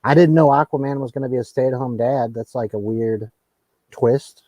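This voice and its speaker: A man's voice: mid-range voice, moderate pace, warm tone, no echo, dull audio. A man hosting a live comics talk show in casual chat, easygoing and tending to repeat his words as he talks. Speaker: host.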